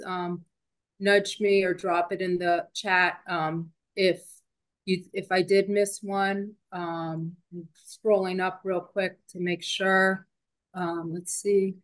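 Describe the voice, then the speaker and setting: A woman's voice: medium pitch, little pitch movement, slow pace. A woman moderating a webinar, casually relaying audience questions from the chat with many fillers.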